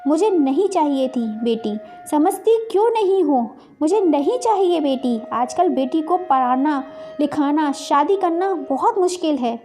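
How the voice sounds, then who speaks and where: A woman's voice: sits high, unhurried, soft background music. A woman doing a stubborn angry husband. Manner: stubborn, shouting. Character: stubborn angry husband, middle-aged man.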